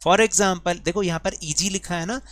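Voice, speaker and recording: A man's voice: high voice, fairly even intonation, a bit bright. Male teacher explaining a worksheet. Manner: explains patiently, repeats and asks students questions; reads English lines slowly and deliberately.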